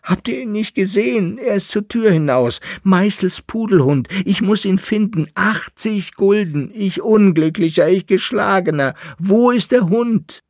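A man reading an audiobook, voicing a pious condemned man who prays in a low, solemn voice and then cries out shrill and loud. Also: expressive, measured pace, hardly any pauses, no echo, studio quality. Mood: frantic wailing.

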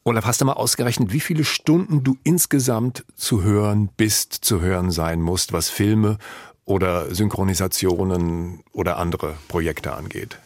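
A man hosting a radio talk show, asking a guest measured questions. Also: sits low, a little mellow, dry recording. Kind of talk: radio interview.

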